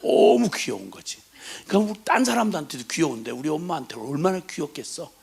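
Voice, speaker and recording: Gravelly-voiced man preaching a folksy sermon. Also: on the high side, sing-song, quick pace. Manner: storytelling, swings between hushed asides and loud laughing exclamations; mimics his mother's scolding in a shouted voice. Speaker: missionary preacher.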